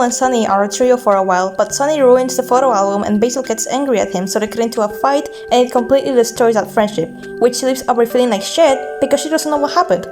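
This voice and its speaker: Woman, slightly high and warm-toned, casual storyteller, wry deadpan humour. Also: rough recording. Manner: wry, offhand joking delivery. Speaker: fan storyteller. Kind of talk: casual recorded narration. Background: soft game soundtrack music.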